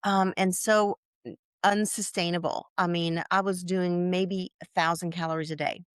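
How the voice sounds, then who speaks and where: Low-voiced woman in her sixties. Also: little pitch movement, clean tone, no echo, studio quality. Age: 60s. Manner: halting, many fillers and restarts. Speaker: client interviewee. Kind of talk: casual interview.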